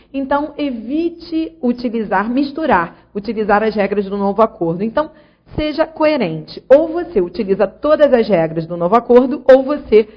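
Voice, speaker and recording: A woman's voice: fairly high pitch, lo-fi sound. A woman giving an online grammar lesson, explaining rules and checking in with the student as she goes. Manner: didactic, addresses student directly with check-ins. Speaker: teacher.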